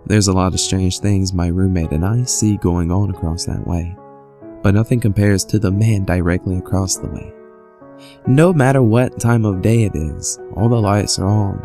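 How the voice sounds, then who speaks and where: A man's voice: on the low side, creaky, dark tone. A man reading creepy first-person stories from a script in a conversational storytelling manner. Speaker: horror story narrator. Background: music bed.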